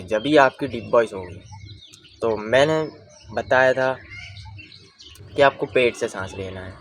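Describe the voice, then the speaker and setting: A young man coaching viewers through breathing and voice exercises in a relaxed, conversational lesson. He explains step by step and keeps checking that listeners follow him. His pitch sits in an ordinary middle range, with faint birdsong in the background. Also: a little hiss or hum. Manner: explains patiently and asks listeners to follow along. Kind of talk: casual spoken tutorial.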